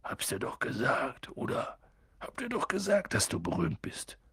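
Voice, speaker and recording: A man voicing a huge, friendly giant who talks low, gruff and clipped, often dropping to a mutter. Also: huge pitch swings, moderate pace, a bit bright, no room sound, studio quality, full character voice. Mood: confiding.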